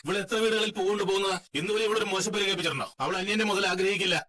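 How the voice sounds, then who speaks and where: A man's voice: high voice, fairly even intonation, racing, sharp tone, recorded from a distance. A man voicing a stern scolding father. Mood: firm. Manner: firm, scolding. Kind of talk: fan dub of a TV serial scene.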